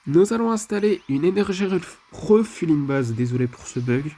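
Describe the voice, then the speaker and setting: Chatty French-speaking gamer guy, mellow voice. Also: a little high, expressive, normal speed. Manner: chatty, leans on filler phrases. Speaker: mobile game channel host. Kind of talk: casual gameplay commentary.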